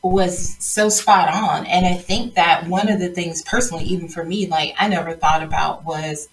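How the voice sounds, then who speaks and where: A woman's voice: fairly low pitch, moderate pace. Woman host from the South, conversational, slightly distant, noise behind. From South Georgia, US. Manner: chatty, laughs often, lively when telling stories. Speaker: podcast host. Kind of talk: casual interview chat.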